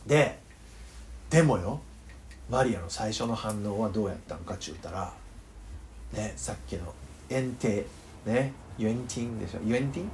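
A man with a northern Kyushu accent preaching a sermon, telling the story with animated, joking asides. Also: lowish voice, moderate pace, long pauses, slight background noise. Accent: northern Kyushu Japanese. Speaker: pastor.

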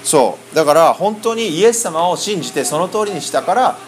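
A man interpreting a sermon in lively, colloquial speech and acting out the quoted voices. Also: on the high side, brisk. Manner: animated, acts out quoted voices. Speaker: interpreter for a preacher.

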